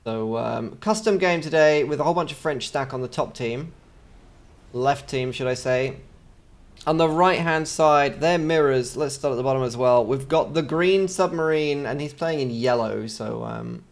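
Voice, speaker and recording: An English game caster covers a strategy video game in a chatty style, dropping joking asides between the play-by-play. He speaks with a medium pitch and vocal fry.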